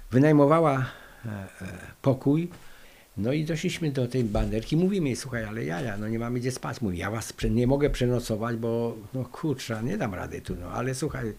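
An older man from Poland with a gravelly, creaky voice recalls his past in a lively, rambling way, full of fillers and asides. He speaks at a middle pitch and tells his story as an interviewee. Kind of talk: oral history storytelling.

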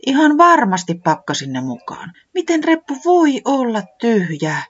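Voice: mid-range voice, huge pitch swings, fairly bright tone, husky, voice pushed up, full character voice. A reader voicing a small furry storybook creature with paws and floppy ears, who exclaims eagerly and is easily dismayed. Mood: alarmed. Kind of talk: storybook reading. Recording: dull lo-fi sound.

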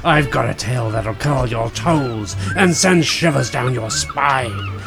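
A man's voice: mid-range voice, unhurried, music in the background. A man voicing a grizzled old male sea captain who loves strong liquor, growling like a pirate. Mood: storytelling. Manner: gruff pirate-style growls and bellowing.

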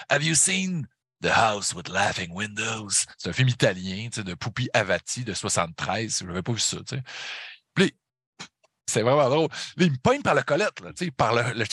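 A middle-aged man with a Québécois accent telling a story in casual chat, animated and slangy, swearing and slipping into English. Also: medium pitch, no room sound, studio quality. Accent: Québécois French.

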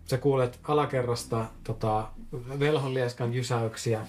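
Guy gm narrating a tabletop game, mid pitch, lots of chuckles and little fillers. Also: steady tone, a little mellow. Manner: laughing often, filler-heavy narration. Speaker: game master.

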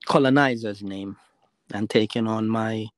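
A man from Jamaica, a podcast guest on a call line, talking about himself in a halting way with many fillers and restarts. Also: fairly low pitch, no room sound. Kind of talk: casual interview talk.

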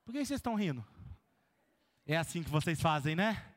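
A man with a Brazilian Portuguese accent, a pastor preaching a sermon to a congregation, who keeps asking whether they follow him and acts out everyday scenes in a lowered voice. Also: very animated, fairly quick. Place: church hall with a congregation. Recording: long reverb of a church hall.

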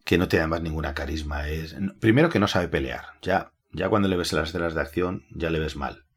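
A man with a very low, husky voice, giving blunt opinions in a casual chat on a comics podcast. He states his likes and dislikes plainly. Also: fairly quick. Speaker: podcast co-host.

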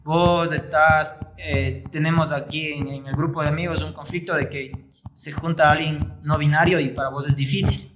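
A man's voice: fairly high pitch, fairly even intonation, moderate pace, a bit bright, roomy sound, soft background music. A young man, co-hosting a casual debate, thinking aloud and often restarting his sentences. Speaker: podcast co-host.

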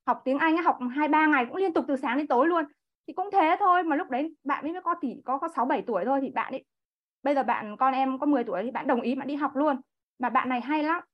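A woman in her thirties chats through a personal story in an online class, with polite particles and many restarts. Her voice sits high. The video-call audio is dull and lo-fi.

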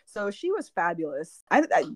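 A woman's voice: medium pitch, very animated, normal speed, a little mellow, no room sound. A woman co-hosting a podcast, chatting casually and laughing often, trailing off with fillers. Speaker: podcast co-host. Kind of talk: casual chat.

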